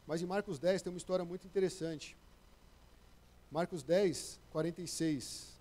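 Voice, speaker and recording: A man's voice: high voice, normal speed, mellow. A young man preaching a casual, conversational sermon into a microphone, slangy and acting out the voices he quotes.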